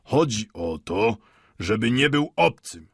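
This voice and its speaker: A man's voice: medium pitch, sing-song, slow pace, slightly rough, no room sound, clean studio sound, voice pushed up, full character voice. A man doing a smug, complacent watchmaker. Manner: offhand and smug, laughing off objections.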